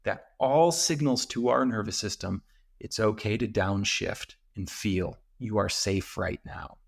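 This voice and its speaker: A man hosting a solo talk show, calmly explaining ideas and slowing down to stress key points. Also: fairly low pitch, creaky. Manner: calm and explanatory, with slow emphatic stretches. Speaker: podcast host and men's coach.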